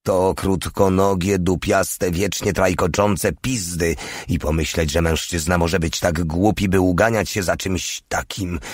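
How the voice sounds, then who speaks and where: A man's voice: sits low, no room sound, studio quality. A man voicing a bitter legionnaire who growls, boasts and sneers at women. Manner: scornful, growling.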